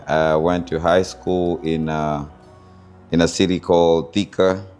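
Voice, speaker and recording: A man from Kenya with a Kenyan accent, telling his life story in an interview and often pausing with fillers as he searches for words. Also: low-pitched, little pitch movement, darkish tone, faint music behind. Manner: thoughtful, searching for words with many pauses and fillers. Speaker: interview guest, founder of a culture group.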